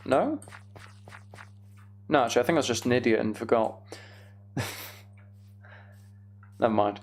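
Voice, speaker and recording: Commentating casually on his own gameplay for a livestream, a man speaks at a middling pitch with plenty of vocal fry. He is expressive and a little slow, muttering asides to himself and making fun of himself along the way.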